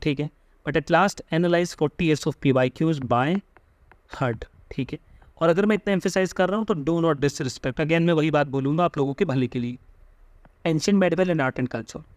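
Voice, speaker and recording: A young man with an Indian accent giving emphatic study advice straight to his viewers, peppering his talk with quick check-ins. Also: high voice, no echo. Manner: emphatic, repeats tag questions like "theek hai". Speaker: exam coaching guide. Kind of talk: direct-to-camera study advice.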